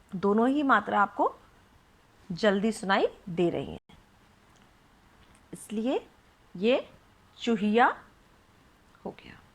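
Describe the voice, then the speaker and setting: A woman teaching young children to read, spelling words out syllable by syllable with patient questions. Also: a little high. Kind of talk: children's phonics lesson.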